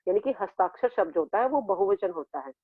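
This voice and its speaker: A woman's voice: medium pitch, brisk, breathy edge, no room sound. A woman teaching a school grammar lesson, patiently repeating word pairs for her pupils. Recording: tinny phone-like recording.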